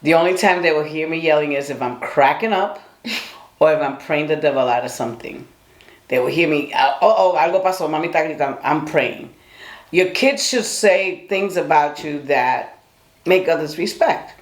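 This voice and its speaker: A woman's voice: sits low, normal speed. Firm mother. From Puerto Rico. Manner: firm and lively, addresses parents directly. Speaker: mother and teacher, guest. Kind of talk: casual sit-down conversation. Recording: echoey room.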